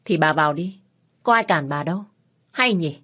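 A woman voicing a calm, confident young male lawyer who speaks in a measured, coolly threatening way in an audio story. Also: low-pitched, slightly rough, exaggerated voice.

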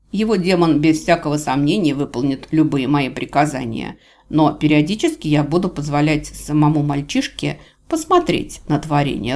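A woman voicing a smug, menacing male villain god. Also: low-pitched. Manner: menacing, drawling, mockingly calm. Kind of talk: audiobook character voice.

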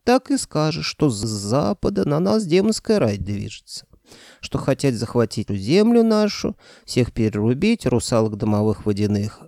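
A man's voice: medium pitch, sing-song, normal speed, gravelly, warm tone, dry recording, studio quality. A man voicing a stern, folksy old grandfather who speaks firmly. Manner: folksy, firm.

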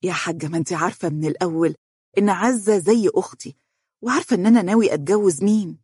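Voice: medium pitch, quick pace, darkish tone, breathy edge, dry recording, studio quality, close to an everyday voice. A narrator doing a coaxing young Egyptian son. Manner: coaxing, teasing. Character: playful young man, devoted son.

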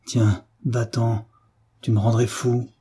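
A man's voice: little pitch movement, takes it slowly, warm tone, husky. A man voicing a proud, bitter old peasant father who flies into rage at his son. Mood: despairing. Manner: raging outbursts, then low and broken.

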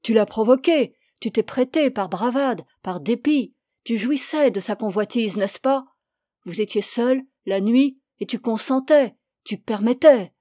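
A woman's voice: fairly high pitch, measured pace, warm tone, no room sound, clean studio sound. A woman reading an audiobook, voicing a tormented young man who is jealous and accusing. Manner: bitter, accusing.

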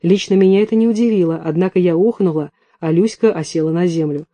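Guy reading an audiobook, lively storyteller, high voice, super mellow. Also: quick pace, no echo. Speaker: audiobook reader. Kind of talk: audiobook narration.

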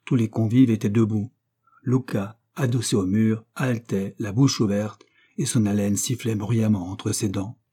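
Dark, husky male audiobook narrator. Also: fairly low pitch. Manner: measured, expressive storytelling. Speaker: audiobook reader.

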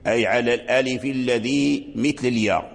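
An older man teaching Quranic readings in a lecture, explaining slowly with repetition and chanting the verse examples. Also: mid-range voice, creaky. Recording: long hall reverb.

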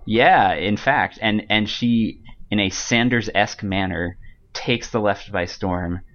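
A man's voice: on the low side, slow pace, a bit bright, lo-fi sound. A man talking casually on a podcast as a guest author, hesitant and rambling, with frequent ums and restarts.

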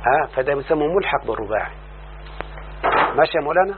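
A man's voice: fairly high pitch, lively intonation. A man with an Egyptian accent teaching Arabic morphology, often asking his student if he follows and stretching out word forms as he says them. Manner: repeats word forms slowly and drawn out. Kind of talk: explaining a classical text to a student. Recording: tinny phone-like line with faint hum.

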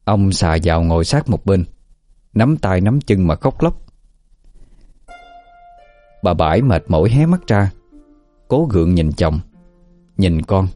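A man calmly narrating a scripted folk ghost story, with faint music behind. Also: sits low, a little slow, long pauses, no room sound.

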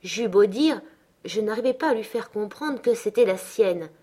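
A woman reading a novel aloud as audiobook narrator, calm and measured. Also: medium pitch. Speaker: audiobook reader. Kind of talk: scripted narration.

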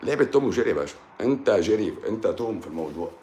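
A middle-aged man with an Egyptian Arabic accent, giving a doctor's health talk in an animated, mocking, emphatic colloquial style, mixing in English medical terms. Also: fairly low pitch, racing, slight background noise. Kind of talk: animated lecture. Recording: echoey room.

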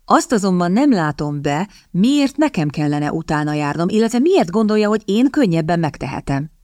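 A woman voicing a grumpy, sardonic young gentleman in an audiobook, slow and grumbling with a mocking edge. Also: fairly low pitch, sing-song, no echo, clean studio sound.

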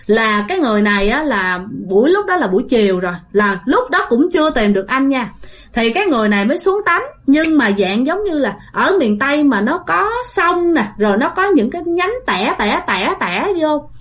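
A woman's voice: high voice, very animated, normal speed. A woman telling a ghost story in a casual, chatty way, talking straight to her listeners. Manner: chatty, addresses listeners directly, many fillers.

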